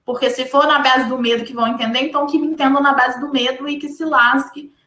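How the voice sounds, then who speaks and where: A woman from in Brazil, speaking reflectively and in an even tone as a panelist in a live discussion. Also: high voice, fast, reverberant. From Espírito Santo, Brazil.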